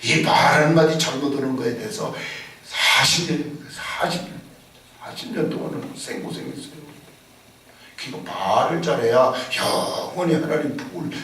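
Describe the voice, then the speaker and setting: A man preaching a Sunday sermon as senior pastor, emphatic and dramatic, firing rhetorical questions at his congregation and sometimes shouting. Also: mid-range voice, expressive, moderate pace, slight background noise. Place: church sanctuary. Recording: echoey hall, distant mic.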